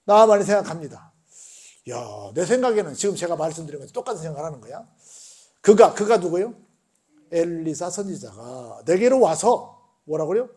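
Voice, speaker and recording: A man's voice: fairly high pitch, lively intonation, a little fast, mellow, husky. A male pastor preaching a sermon, telling the story in everyday words and often putting questions to the congregation. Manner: keeps asking the congregation rhetorical questions; colloquial storytelling.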